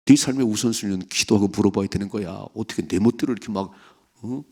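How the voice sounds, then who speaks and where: A man's voice: fairly low pitch, quick pace, creaky, a little mellow. A man voicing God as a stern, fatherly spirit who scolds David with pointed questions. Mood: scolding.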